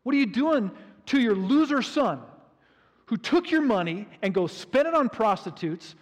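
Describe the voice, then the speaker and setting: Man doing a bitter older brother, high-pitched and indignant, echoing hall. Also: lively intonation, normal speed. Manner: indignant, shouting complaints. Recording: reverberant hall.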